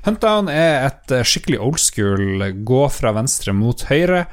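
A man's voice: mid-range voice, sing-song. A man from northern Norway, a journalist joking on a podcast in a laid-back, hesitant way. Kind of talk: casual chat.

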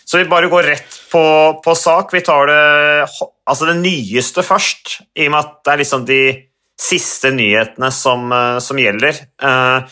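Casting note: man, podcast host, hesitant chatty delivery, bright forceful voice. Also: a little high, steady tone. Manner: hesitant, many fillers and restarts, reads from notes. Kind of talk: casual cycling podcast chat.

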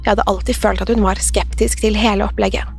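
A woman narrating a horror story in a measured, suspenseful way. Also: medium pitch, little pitch movement, gravelly, darkish tone, husky, soft background music.

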